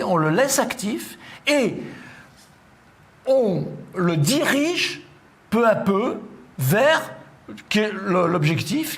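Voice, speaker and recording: A middle-aged man with a rather high-pitched voice delivers a philosophy lecture to a seated audience. He explains patiently, circling back with hesitations and little asides to check that listeners follow. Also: creaky.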